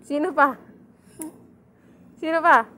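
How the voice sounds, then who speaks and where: A woman's voice: sits high, slow, sharp tone. A Filipino woman casually questioning a small child at home, teasing and laughing.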